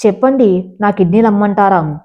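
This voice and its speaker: A woman's voice: mid-range voice, moderate pace, close to an everyday voice. A woman narrator voicing a desperate young female employee who speaks in bitter, accusing tones. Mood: bitter accusation. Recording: slightly dull lo-fi sound.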